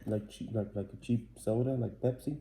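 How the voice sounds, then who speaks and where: A man's voice: fairly low pitch, steady tone, a little fast, vocal fry, mellow. A man chatting casually during a snack tasting, giving blunt, short replies. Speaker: family guest. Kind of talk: casual chat. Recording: echoey, noisy home video.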